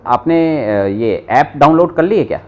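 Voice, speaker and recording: A man teaching a German class, slowly repeating each word for his students and asking them questions. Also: on the high side, animated, narrow, tinny audio. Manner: slow, patient, repeats words aloud for students; asks students questions directly. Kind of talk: live classroom lesson.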